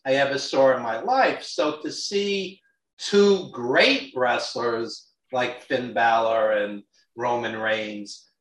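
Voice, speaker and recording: A man's voice: medium pitch, takes it slowly, a bit bright. Echoey, distant man with a Brooklyn accent. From New York. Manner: blunt, opinionated. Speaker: guest, wrestling industry insider. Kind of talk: casual chat. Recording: roomy, echoey, distant from mic.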